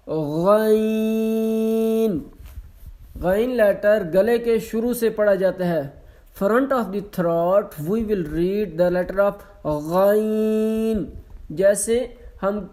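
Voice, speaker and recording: Male online tutor with a high voice; slow stretched letters, brisk explanations. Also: dark tone. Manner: slow drawn-out letter sounds between quick explanations, mixing in English. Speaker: Quran reading tutor. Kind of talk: online lesson in letter pronunciation.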